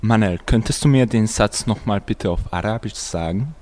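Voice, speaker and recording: On a radio show, a teenage schoolboy talks with a classmate as they present comparisons between languages. His voice is on the low side and a little mellow, at a moderate pace.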